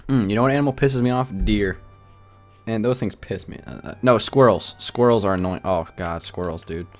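A young man chatting casually on a gaming livestream, rambling with lots of "like" and ranting in an animated way. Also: lowish voice, a little fast, soft background music. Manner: rambling, heavy use of filler "like", animated ranting.

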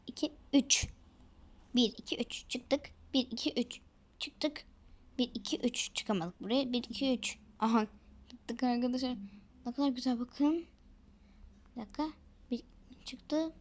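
A woman's voice: fairly high pitch, unhurried, long pauses. A woman casually commenting on her game for viewers, chatty and often dropping to a whisper. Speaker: gaming video creator.

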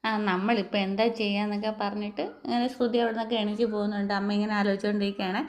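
Woman, quick chatty storyteller for a serial recap, slips into the characters' lines, average pitch. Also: flat delivery. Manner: chatty retelling with frequent tag words; briefly acts out the characters' dialogue. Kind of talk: casual spoken story recap.

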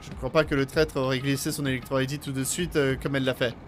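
A man with a French accent streaming a let's play, reading game text aloud with lively reactions. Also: medium pitch, quick pace, faint music behind. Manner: lively, switches between narration and reactions. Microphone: studio microphone.

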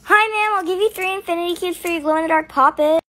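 Excitable lady narrating a fidget toy skit, high voice, talks to her viewers. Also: racing. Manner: excitable, gasping, addresses viewers. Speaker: skit creator.

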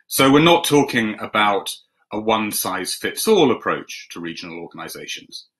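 A middle-aged man from Finland moderating an online panel over a video call, measured and steady with frequent 'uh' and 'um'. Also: fairly low pitch. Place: home room, indoors.

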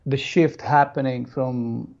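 A man's voice: mid-range voice, fairly even intonation, slow, gravelly, a little mellow. Italian-accented man on a muffled video call. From Italy. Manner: plain, simple phrasing with non-native grammar. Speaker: guest. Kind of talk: sharing a personal testimony. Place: home room, on video call.

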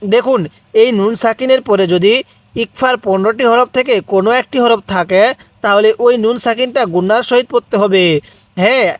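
A man with a Bangladeshi Bengali accent teaching Quran recitation, spelling out each syllable slowly and prompting listeners to repeat after him. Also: sits high, no room sound.

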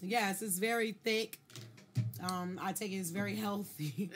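A woman's voice: mid-range voice, music in the background. A woman co-hosting a podcast, joking and sassy in casual chat. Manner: joking, sassy, quick quips. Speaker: podcast co-host, former radio host.

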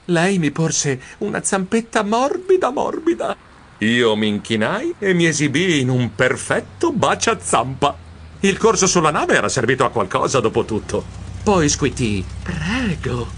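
A man narrating an audiobook as a nervous, romantic male mouse, with expressive exclamations that swoop up high. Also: measured pace, a little hiss or hum, full character voice.

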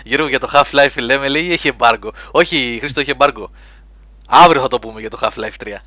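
A man hosting a live gaming webcast, chatting lively and reading listener questions aloud. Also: mid-range voice, no echo. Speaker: podcast host.

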